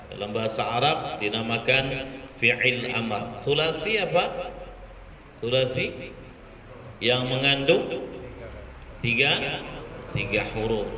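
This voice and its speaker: Slow, bright-voiced man teaching Quran. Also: mid-range voice, a little hiss or hum. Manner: patient, repeats Arabic words slowly and chants them. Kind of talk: slow Quran recitation lesson. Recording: echoey hall with faint ambience.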